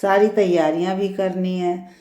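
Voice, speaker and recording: A woman voicing a complaining, sharp-tongued older mother-in-law in a storybook reading. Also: medium pitch, steady tone, a little slow, echoey room, close to an everyday voice. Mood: irritated. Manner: complaining, taunting.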